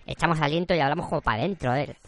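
Silly bragging evil wizard guy, a man doing it, talks fast and rambles, comedy interview. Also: fairly high pitch, fairly bright tone, dry recording. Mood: boastful. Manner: boastful, rambling and jokey. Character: comic dark wizard lord, male, boastful and silly.

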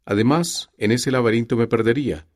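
A man's voice: mid-range voice, a little fast, a little mellow, pitched above the performer's own voice, lightly acted. A man voicing a melancholy young male priest in an audiobook, gloomy and anxious.

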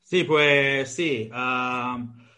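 A man in his forties from Australia, a native English speaker, talking as a guest in a casual interview and pausing to search for Spanish words. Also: medium pitch, bright, forceful tone.

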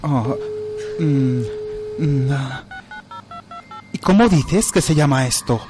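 Woman voicing low-voiced, curious, hesitant vampire. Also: lively intonation, slow, exaggerated voice. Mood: puzzled. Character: Don Frucumoi, curious, easily amazed male vampire. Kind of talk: comic radio drama dialogue.

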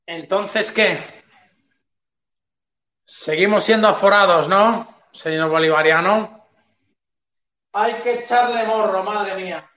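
A man's voice: high voice, sharp tone, roomy sound. A man hosting a political commentary livestream, talking in a sarcastic, mocking way and addressing his target directly. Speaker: stream host.

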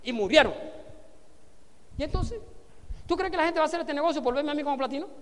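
A man's voice: extremely high pitch, racing, in a large hall, a little hiss or hum. A man leading a motivational business seminar, preaching to the room and quizzing the audience to answer and repeat after him. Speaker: network marketing trainer speaking to an audience.

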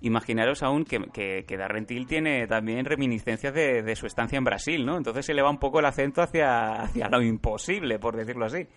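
A man's voice: medium pitch, fairly quick, few pauses, fairly bright tone. A man co-hosting a casual sports chat, joking and laughing between remarks. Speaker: podcast co-host.

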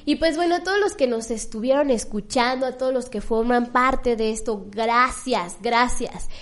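A woman's voice: on the high side, moderate pace, faint music behind. A woman hosting a talk show, chatty and fond of telling stories. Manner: chatty, storytelling. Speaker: podcast host. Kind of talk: casual chat.

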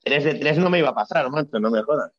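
A man, a retired gymnast explaining his career in a relaxed, blunt, colloquial way during a casual interview. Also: on the high side, quick pace, slight background noise. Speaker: retired Olympic gymnast, guest. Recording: dry, slightly dull sound.

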